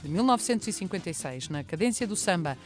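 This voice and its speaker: A woman's voice: on the low side, expressive, quick pace, faint music behind. A woman with a European Portuguese accent, presenting a scripted documentary feature.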